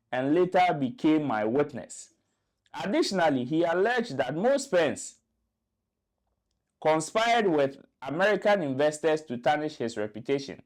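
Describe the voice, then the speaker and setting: A man's voice: on the high side, sing-song, measured pace, a little mellow. A man hosting a commentary show, reading out a news story and quotes in an explanatory way, with fillers and restarts.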